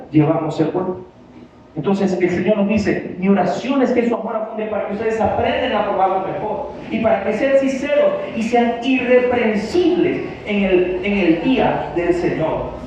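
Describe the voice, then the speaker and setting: A man's voice: sits high, a little mellow. A male pastor preaching a sermon to his congregation, emphatic and full of rhetorical questions. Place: church hall. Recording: very echoey hall, distant, dull sound with faint noise.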